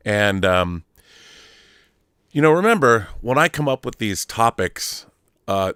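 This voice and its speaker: Fairly low-pitched yet a bit bright, this middle-aged film channel host speaks off the cuff in studio-quality audio with no room sound. His storytelling to viewers is emphatic and meandering, and he frequently corrects himself.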